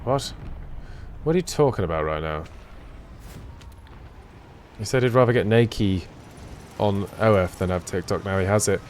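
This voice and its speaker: A man's voice: lowish voice, moderate pace, pauses often, a little mellow, slight background noise. A tired man, chatting casually and reading out viewer questions while gaming, in a laid-back, rambling, self-deprecating way. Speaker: streamer.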